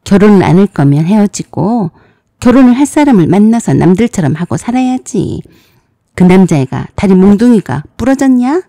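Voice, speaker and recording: A woman's voice: medium pitch, sing-song, moderate pace, mellow, dry recording, studio quality. A woman voicing a bossy eldest sister in a storybook drama who lectures bluntly and sarcastically. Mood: scolding.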